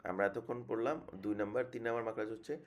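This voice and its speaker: A man's voice: fairly low pitch, steady tone, fast talker. A man teaching a tajweed lesson, patiently repeating each sound many times as a demonstration. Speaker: Quran recitation teacher.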